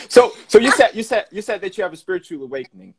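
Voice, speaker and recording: A man's voice: high-pitched, sing-song, a little fast, noisy background. A man in his twenties from Turkey and Georgia, hosting a podcast interview on a live video call, enthusiastic and affirming. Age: 20s. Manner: enthusiastic, affirming, restarts sentences. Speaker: podcast host. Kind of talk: casual interview. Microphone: phone on a live video call.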